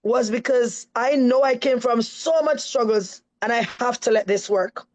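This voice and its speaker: A woman's voice: fairly high pitch, unhurried, darkish tone, low-quality recording. A woman with a Jamaican accent, a guest on a live-stream interview, telling her story in an earnest, emphatic way. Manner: earnest and emphatic, often adds "right?".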